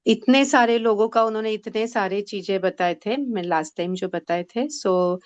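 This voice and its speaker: A woman's voice: medium pitch, moderate pace, no echo. A woman leading a spiritual workshop session, patiently explaining in Hindi mixed with English phrases. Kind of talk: teaching a group session.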